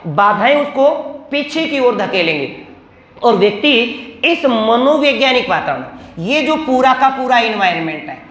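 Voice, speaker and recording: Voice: mid-range voice, fairly bright tone. A teacher giving a classroom lecture, repeating key terms and asking the class questions. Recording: echoey room.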